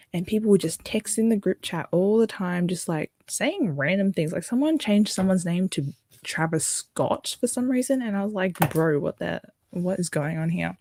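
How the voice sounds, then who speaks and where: A young Australian woman hosts a casual livestream, reading viewer comments and chatting in a rambling way full of fillers and self-corrections. Her voice is lowish and darkish, with no room sound.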